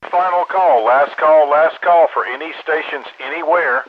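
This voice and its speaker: A man running an amateur radio net as net control, speaking in a relaxed, folksy way over a two-way radio with static. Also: on the high side, moderate pace. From Texas. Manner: relaxed, folksy radio announcing with call signs. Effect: voice heard over a two-meter radio with light static. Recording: muffled radio audio with faint hiss.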